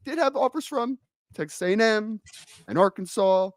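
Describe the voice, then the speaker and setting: Man, hoarse voice, slightly higher pitch, energetic sports-show host, dry close sound. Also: normal speed, no echo. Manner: energetic, emphatic, hypes the audience. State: hoarse, slightly under the weather. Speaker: podcast host. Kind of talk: casual sports talk show.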